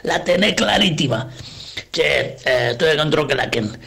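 A man puts on a crude, rambling Argentine bloke with an Argentine accent. The voice sits a little high and grinds with gravel. He swears freely and wanders from one complaint to the next. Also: lively intonation, normal speed, heavily acted. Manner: rambling, swearing, slips into rough shouting. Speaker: comic radio character. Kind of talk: comic phone-in character bit.

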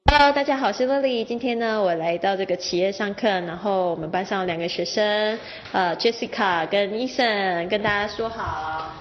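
A woman's voice: medium pitch, moderate pace, few pauses, muffled recording, slight background noise. A woman from Taiwan with a Taiwanese Mandarin accent, encouraging her students in a corporate classroom. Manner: upbeat, encouraging. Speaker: English teacher. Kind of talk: classroom interview.

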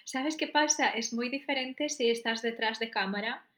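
Chatty Spanish woman, slightly high voice. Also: moderate pace, a bit bright. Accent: Spain Spanish. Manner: chatty, opinionated, trails off with filler questions. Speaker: podcast co-host. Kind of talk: casual chat.

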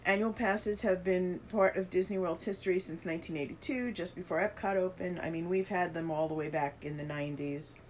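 A woman's voice: lowish voice, fairly quick, hardly any pauses, a little mellow. A woman reads a news article aloud for a chatty podcast and stops often to add her own asides. She has the hiccups. A faint hiss of background noise sits under her voice. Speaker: podcast co-host reading news. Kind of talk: casual chat reading articles aloud.

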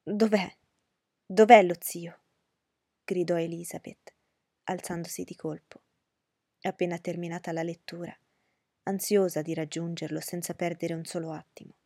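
A woman reading a novel aloud in a measured, even manner as audiobook narrator. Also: on the low side, vocal fry, no echo, studio quality. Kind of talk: scripted narration.

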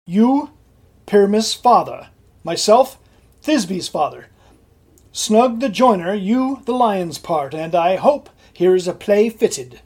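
Fussy male stage director acted part, earnest, officious, coaxing, animated pitch, Shakespearean comedy. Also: slow pace, breathy edge, exaggerated voice. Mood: firm, fussy.

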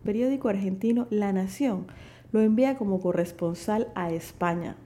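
Very mellow woman hosting a podcast. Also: medium pitch, moderate pace. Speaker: poetry podcast host. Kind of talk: scripted podcast narration. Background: background music.

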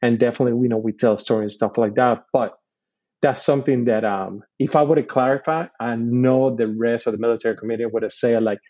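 A fast-talking podcast guest in his forties, a Puerto Rican Army veteran, has a dark, medium-pitched voice with fairly even intonation, heard on a muffled recording. In casual conversation he explains things patiently and earnestly, with frequent "you know"s.

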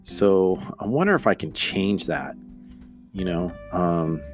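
A man's voice: sits low, expressive, takes it slowly, soft background music. A man hosting a solo podcast in a casual, hesitant, meandering way, often thinking aloud. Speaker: podcast host.

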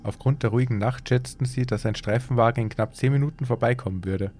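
A man hosting a podcast, reading a horror story aloud in a measured, suspenseful way. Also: mid-range voice, darkish tone, slight background noise. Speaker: podcast host and story reader.

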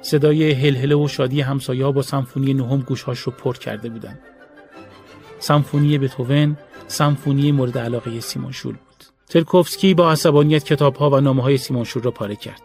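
A man reading a story aloud in a steady, measured audiobook narration. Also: mid-range voice, soft background music.

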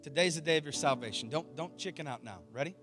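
A man's voice: on the high side, fast talker. A man speaking as a pastor in an evangelical altar call, informal and coaxing, with short repeated urgings. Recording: music playing under the voice. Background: instrumental music.

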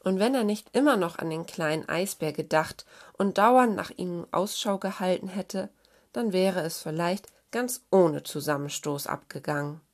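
A woman reading a children's story aloud in a gentle, expressive way. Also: fairly low pitch, moderate pace.

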